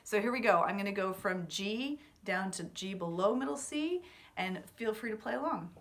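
A woman's voice: mid-range voice, expressive, moderate pace. Casual woman teaching a music exercise. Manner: encouraging, informal, explaining step by step. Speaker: horn teacher. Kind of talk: casual instructional talk for a practice exercise. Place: medium-sized living room at home, indoors. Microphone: camera or laptop mic about a metre away.

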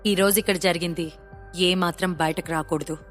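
Woman voicing a calm, confident young man. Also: fairly low pitch, normal speed, soft background music, lightly acted. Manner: calm, quietly assured.

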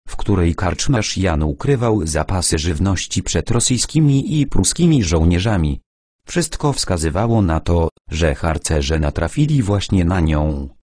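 A low-voiced man narrating an audiobook in the first person. His tone is a little husky, and his pitch moves around a lot as he tells the story. The sound is close and dry. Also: no room sound. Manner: measured storytelling, lively intonation.

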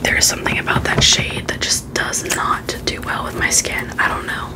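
A woman's voice: moderate pace, poor audio. Whispering woman, casual ASMR beauty chat. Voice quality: soft unvoiced whisper. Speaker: beauty vlogger.

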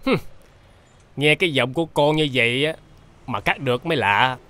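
A man's voice: medium pitch, lively intonation, sharp tone. An actor playing a middle-aged father who teases his grown son, with a Southern Vietnamese accent. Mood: teasing. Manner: teasing, unhurried.

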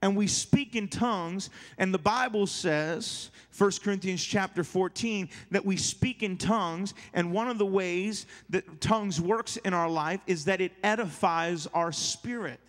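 A man with a high voice preaches as a youth pastor, playful and animated as he acts out funny stories for his congregation. His sermon rings out through a large church hall with a long reverb tail. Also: measured pace, few pauses. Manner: animated, jokey preaching with acted-out quotes.

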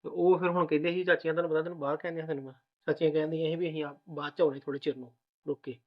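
A man plays a young husband soothing his new bride, talking very fast in a fairly high voice. The recording is dull and lo-fi, like a low-budget village drama. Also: little pitch movement, natural voice. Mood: reassuring. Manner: rapid, reassuring, soothing. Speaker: groom. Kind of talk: village family drama acting.

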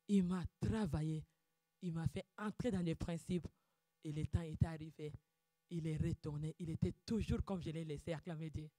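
A woman giving a fervent preaching testimony, breaking into loud shouted calls of praise and dropping to quiet, low asides. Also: dry recording, clean studio sound. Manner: drops to quiet, low asides between outbursts. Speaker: church speaker giving testimony.

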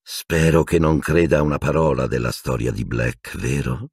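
A man's voice: rumbling low, sing-song, normal speed, slightly rough, heavily acted. A man voicing a cold, sneering male professor in an audiobook, hissing and menacing.

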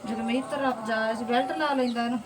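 Indignant high-voiced Punjabi woman vlogger. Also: fairly even intonation, quick pace. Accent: Malwai Punjabi. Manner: indignant, scolding, rhetorical. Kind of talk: casual talk to camera. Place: home.

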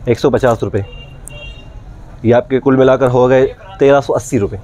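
A man's voice: medium pitch, fairly even intonation, moderate pace, warm tone. A man playing a shopkeeper in a hidden-camera prank, insistently accusing a customer in a cosmetics shop.

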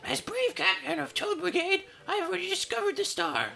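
A woman putting on a squeaky, gravelly mushroom captain. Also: wildly swooping pitch, brisk, sharp tone, soft background music, exaggerated voice. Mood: proud. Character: game characters, incl. brave little male mushroom captain. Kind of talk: reading game dialogue aloud in voices.

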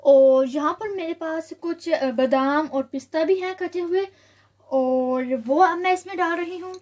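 A young woman with a very high-pitched voice hosts a home cooking tutorial for her channel. She calmly walks through each step, pausing often and using fillers. It was recorded on a phone in her kitchen.

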